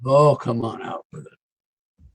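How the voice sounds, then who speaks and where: Guy doing crusty old west doc, american, raspy, wry and scolding, radio drama. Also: mid-range voice, animated, slow pace, full character voice. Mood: wry, probing. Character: crusty, outspoken, needling frontier town doctor. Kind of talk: western radio drama acting.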